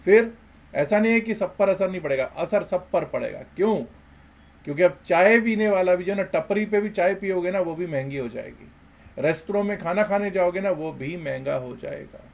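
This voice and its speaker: A man giving emphatic commentary as a market analysis host, with rhetorical questions and swings between loud and soft. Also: high voice, moderate pace, creaky.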